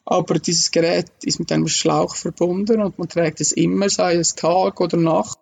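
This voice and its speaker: A man, a guest in a casual interview, explaining slowly with many fillers. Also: sits high, fairly even intonation, gravelly, a little mellow, husky.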